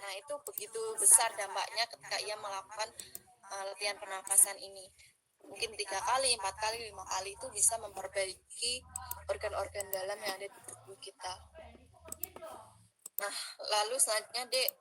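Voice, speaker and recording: Bright-voiced young woman coaching public speaking. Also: medium pitch, fairly even intonation, fairly quick, poor audio. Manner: chatty, many fillers, coaching breathing drills. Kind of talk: casual online workshop talk.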